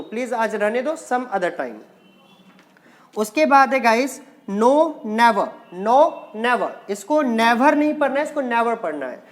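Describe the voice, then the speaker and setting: A woman with an Indian accent teaching spoken English phrases, repeating each one slowly and explaining when to use it, calling her learners children. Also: on the high side. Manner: drills short phrases, repeating them slowly; addresses learners as children and guys.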